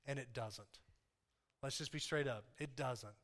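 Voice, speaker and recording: A man's voice: medium pitch, unhurried, a bit bright. A man preaching an informal, impassioned sermon to a congregation, repeating phrases for emphasis and dropping in conversational asides.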